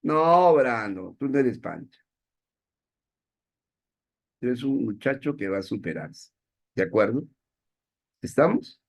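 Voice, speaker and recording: A male teacher lectures his class in a playful, self-mocking way. His voice sits at an ordinary middle pitch, and he keeps stopping to check that the students are following. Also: animated, takes it slowly, long pauses.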